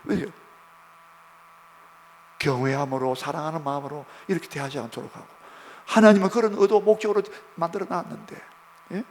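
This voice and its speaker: A man's voice: high voice, gravelly. A male pastor preaching a sermon in a church, emphatic and repetitive, often checking in with the congregation. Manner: emphatic, repeats points, prods the congregation with "예?". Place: church sanctuary. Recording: long church hall reverb.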